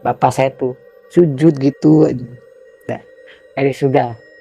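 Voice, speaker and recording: A man from Cirebon telling his own experience in a casual interview, earnest and emphatic, often halting and repeating words, his voice jumping up when he gets indignant. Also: medium pitch, fairly even intonation, vocal fry, mellow, slightly rough, soft background music. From Cirebon, West Java, Indonesia.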